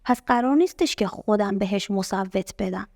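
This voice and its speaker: A young adult woman teaching an English lesson, patiently asking the class questions and repeating words slowly to show their syllables. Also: mid-range voice, darkish tone, no room sound, studio quality. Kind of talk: explaining a language lesson.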